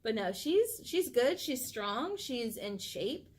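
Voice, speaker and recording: A woman's voice: on the high side, big pitch swings, takes it slowly, a little hiss or hum. Gushing woman chatting about her dog. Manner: gushing, chatty, full of "like" fillers. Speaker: channel co-host. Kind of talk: casual chat about pets.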